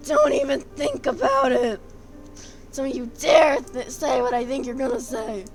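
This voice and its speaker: A woman's voice: sits high, steady tone, normal speed, close to an everyday voice, low-quality recording. A woman voicing a grumpy male skeleton cafe worker in a visual novel game, with curt, irritated refusals. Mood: annoyed. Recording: game music playing behind.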